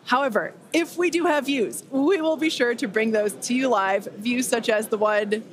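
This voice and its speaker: A woman co-hosting a live launch webcast, explaining things in a measured way. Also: on the high side. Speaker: webcast host.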